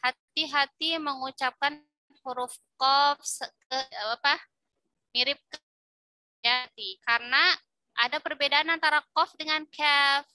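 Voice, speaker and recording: A middle-aged woman teaching Quran recitation in an online lesson, patiently repeating syllables for her students to copy, with pauses and self-corrections. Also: high voice, steady tone, bright, forceful tone, no echo. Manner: halting, with fillers and self-corrections.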